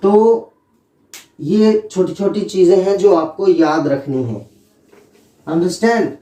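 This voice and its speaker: A male English teacher giving a spelling and pronunciation lesson, spelling words out letter by letter and repeating them slowly. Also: high-pitched, warm tone. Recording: roomy echo, distant mic.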